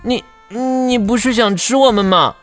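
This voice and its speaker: A woman's voice: fairly high pitch, measured pace, soft background music, natural voice. A woman voicing a cheerful, plucky young male monkey hero in a children's audio story. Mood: urgent, curious.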